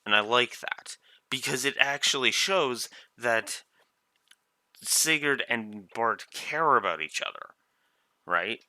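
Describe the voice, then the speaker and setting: A man streaming a game, giving casual, rambling commentary with lots of restarts and animated asides. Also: mid-range voice, slow pace, no room sound. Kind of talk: casual let's-play commentary.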